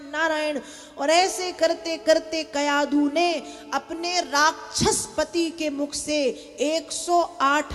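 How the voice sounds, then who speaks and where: High-voiced woman preaching in a hall. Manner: animated, urges the audience to chant and clap. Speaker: devotional storyteller. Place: large hall with a live audience. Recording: long hall reverb with faint music.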